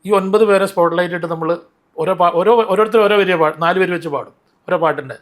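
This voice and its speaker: A man telling stories in an interview, animated and rambling, often restarting his sentences. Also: sits high, fast talker. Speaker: interview guest, mimicry artist. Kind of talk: casual interview storytelling.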